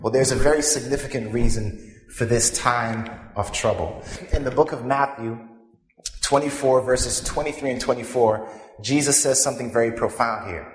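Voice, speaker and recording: A man delivering a sermon in a deliberate, rhetorical manner, as a preacher addressing a congregation. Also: mid-range voice, a little hiss or hum. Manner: deliberate, rhetorical, pausing for audience to fill in words. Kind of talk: sermon with scripture readings and questions to the congregation. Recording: echoey hall, long reverb, music behind.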